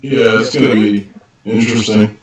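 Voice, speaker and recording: A man's voice: fairly low pitch, steady tone, moderate pace. A man co-hosting an online movie show, chatting casually with his voice caught in a cave-like echo. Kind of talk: casual chat. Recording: heavily echoey, distant from mic.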